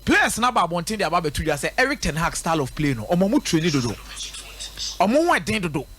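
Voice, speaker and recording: On live radio, a male sports pundit with a Ghanaian accent breaks down football emphatically, mixing English and a local tongue and restating his arguments for effect. His voice is high and a bit bright, with big pitch swings and a brisk pace. Faint hiss or hum sits under it.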